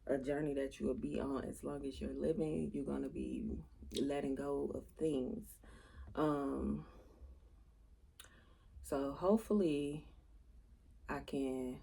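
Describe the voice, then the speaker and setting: A woman speaks in a low, crackly, raspy voice. Her delivery is monotone and matter-of-fact as she chats casually to viewers of her tarot readings. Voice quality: raspy, gravelly. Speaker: tarot reader hosting a channel.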